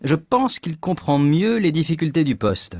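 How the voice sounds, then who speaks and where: A man reading a scripted textbook dialogue as a hiring manager, clear and measured. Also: a little high, very animated, a little mellow, dry recording, studio quality.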